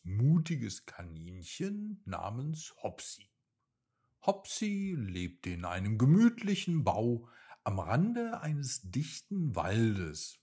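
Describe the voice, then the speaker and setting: A man gently narrating a bedtime story for children in a soothing manner. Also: fairly low pitch, husky.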